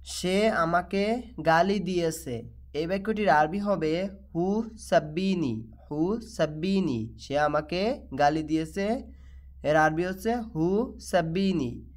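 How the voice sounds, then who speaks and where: Slow, repetitive Bangladeshi man teaching. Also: high-pitched. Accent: Bangladeshi Bengali. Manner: slow, repetitive drilling of phrases. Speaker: language teacher. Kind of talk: slow spoken language lesson.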